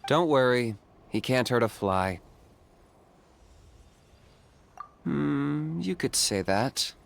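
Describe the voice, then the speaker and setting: A man playing a calm, laconic, self-assured young warrior in a video game, speaking dryly and matter-of-factly. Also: mid-range voice, slow, creaky, slight background noise. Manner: calm, dry, matter-of-fact. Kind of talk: video game character acting.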